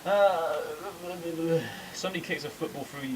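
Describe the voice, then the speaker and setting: A young man chatting casually beside a friend's gameplay, telling stories in a halting way with many restarts. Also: fairly high pitch, distant mic, noisy background. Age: young adult. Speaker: co-host. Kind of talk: casual chat over gameplay.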